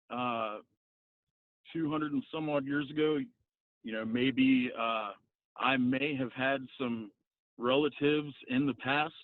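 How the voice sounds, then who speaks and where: A man with an American hillbilly twang calls in by phone, arguing in a plain-spoken, halting way. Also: mid-range voice, dry recording. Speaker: phone-in caller. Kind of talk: unscripted debate on a call-in show. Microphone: telephone. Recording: thin, narrow phone line.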